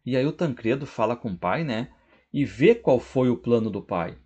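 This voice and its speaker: A man with a Brazilian Portuguese accent, a literature teacher, who retells a novel's scenes in a lecture and reads quoted lines with lively emphasis. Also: mid-range voice, moderate pace, breathy edge, highs cut off. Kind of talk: lecture with dramatic readings.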